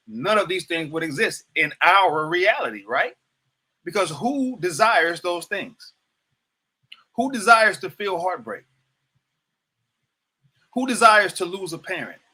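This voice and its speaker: A man's voice: high-pitched, animated, measured pace, pauses often, pushed and bright, slightly rough. A man in his fifties hosting a livestreamed motivational talk, preaching to viewers, repeating phrases and asking them questions directly. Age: 50s. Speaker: host.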